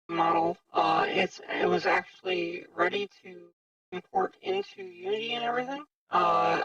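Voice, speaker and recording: Guy on a robot voice changer, super gravelly, swoops all over, far off dull mic, lil music behind. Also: bright, forceful tone. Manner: rambling, loose with fillers. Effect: voice changer, robotic pitched-up. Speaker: streamer. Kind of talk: casual stream chat. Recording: dry, distant, dull lo-fi mic.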